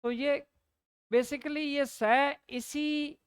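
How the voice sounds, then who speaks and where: Slow-spelling Hindi-woman teacher. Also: high voice, steady tone, dry recording, studio quality. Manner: explains in Hindi mixed with English, slowly spells out words, asks "है ना?" often. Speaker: English teacher. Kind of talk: classroom lecture.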